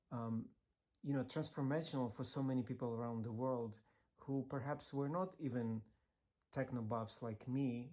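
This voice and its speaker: A man from Ukraine who works on accessibility, telling his story in a pre-recorded video, earnest and steady, with small fillers. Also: medium pitch. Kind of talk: scripted video talk.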